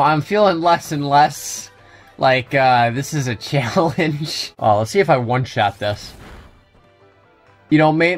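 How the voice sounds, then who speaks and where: A young adult man giving wry, joking commentary over a video game, often chuckling at his own asides. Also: on the high side. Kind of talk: let's play commentary.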